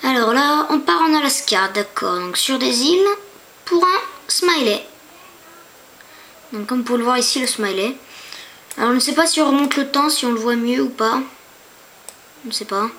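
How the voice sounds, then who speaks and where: A chatty woman with a high, light voice narrates a casual screen tour. She hesitates often, trips over foreign place names and keeps asking her viewers rhetorical questions, recorded on a computer mic with faint noise behind her. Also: animated, moderate pace, pauses often, sharp tone. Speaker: YouTuber.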